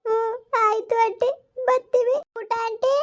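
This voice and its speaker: A woman voicing a frightened young daughter who begs slowly and whines as she pleads. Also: very high-pitched, level tone, voice pushed up. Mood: pleading. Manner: slow, whiny pleading. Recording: dull lo-fi recording.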